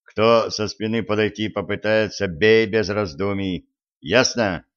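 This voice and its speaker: A gruff warrior-sorcerer who barks short orders in a low voice, as voiced by a male audiobook reader. His delivery is slow and heavy, and the sound is muffled. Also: natural voice. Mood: commanding. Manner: barking orders.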